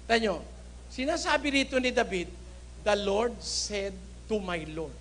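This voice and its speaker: A man preaching in a Filipino accent, forceful and indignant, firing rhetorical questions at his congregation. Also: sits high, very animated, unhurried. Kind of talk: Taglish sermon with Bible readings.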